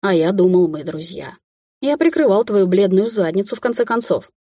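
Figure: a woman voicing a cheeky, mocking young man. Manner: singsong, drawn-out. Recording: slightly dull. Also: medium pitch, expressive, mellow, dry recording, close to an everyday voice. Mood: mock offended.

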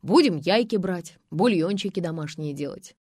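A woman's voice: fairly low pitch, expressive, normal speed, a little mellow, breathy edge, no echo, studio quality. A woman reading an audiobook, voicing an ironic young man who jokes and teases. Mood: teasing. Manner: wry, joking.

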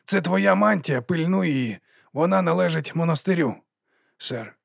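A man voicing an ancient, wily monk sweeper who teases and chides in a raised, lively voice. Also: on the high side, moderate pace, gravelly, no room sound, clean studio sound, voice pushed up, exaggerated voice. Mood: sly teasing. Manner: teasing, chiding, lively.

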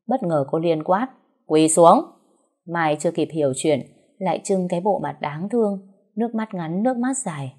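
A woman narrating a scripted audio story in an even storytelling manner. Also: on the low side, breathy edge. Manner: steady storytelling that voices every character herself.

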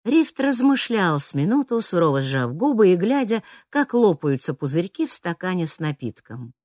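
A woman's voice: fairly low pitch, moderate pace, dry recording, clean studio sound. A woman narrating an audiobook, reading expressively and acting out each character. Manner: expressive, acts out every character. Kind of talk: scripted narration.

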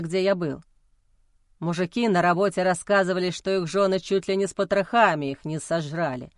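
A woman's voice: mid-range voice, no echo, studio quality, natural voice. Woman voicing a scornful cheating husband. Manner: sneering, accusatory. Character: irritated adult male husband, scornful and blaming.

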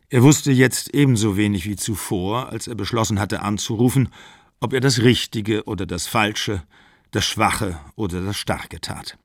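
Man giving a measured literary reading. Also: lowish voice, no room sound, clean studio sound. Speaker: narrator.

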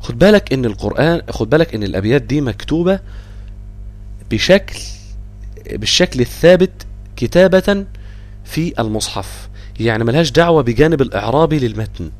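A man with an Egyptian Arabic accent giving an online Quran recitation lesson, explaining patiently and repeating words slowly for his students. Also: medium pitch, animated, a little mellow.

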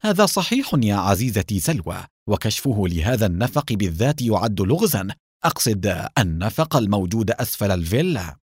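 A man doing a calm, reassuring young sidekick. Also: fairly low pitch, a little fast, slightly rough, no room sound, clean studio sound.

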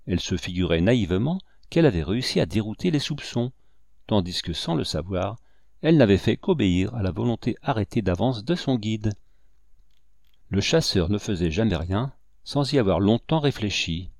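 A man narrating a novel in a steady, measured audiobook reading. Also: lowish voice, vocal fry, dry recording, clean studio sound.

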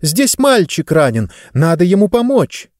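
A man's voice: high-pitched, very animated, measured pace, a little mellow, no room sound, studio quality, voice pushed up. A man voicing a kind-hearted young girl who pleads earnestly, in an audiobook. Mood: pleading.

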